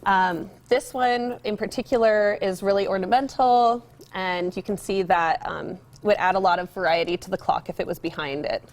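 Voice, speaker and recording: A woman's voice: mid-range voice, fairly even intonation, normal speed, hardly any pauses. A young American woman chatting informally and upbeat as a guest giving a decor demonstration on television. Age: young adult. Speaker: guest home decor store representative. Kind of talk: casual TV demonstration interview. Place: TV studio set, indoors.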